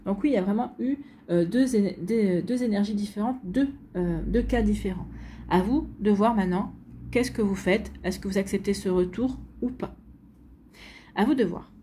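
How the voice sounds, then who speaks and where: A woman's voice: medium pitch, normal speed, mellow, a little hiss or hum. A woman doing a tarot reading for her viewers, talking straight to them with many fillers and restarts. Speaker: tarot card reader. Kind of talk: spontaneous tarot reading to camera.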